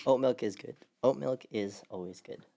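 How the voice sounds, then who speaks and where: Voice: mid-range voice, moderate pace, gravelly, mellow. A host of a casual livestream podcast, playful and hyped, laughing often and joking with the crew.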